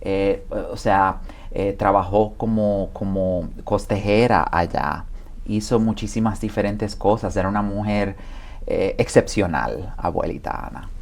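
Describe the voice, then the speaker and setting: Low-voiced man from the Dominican Republic. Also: unhurried, creaky. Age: 40s. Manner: hesitant, many fillers, warm remembering. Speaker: guest. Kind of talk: interview testimony.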